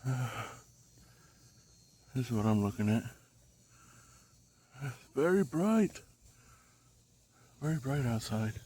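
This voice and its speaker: A man's voice: mid-range voice, animated, dark tone, husky. A man with audible heavy breathing, rambling casually to viewers as he films a vlog outdoors on his phone. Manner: unhurried, murmured remarks while walking around. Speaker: vlogger. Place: outdoors in a yard with cicadas. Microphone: handheld phone. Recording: outdoor phone recording, faint ambient noise. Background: faint outdoor ambience, cicadas.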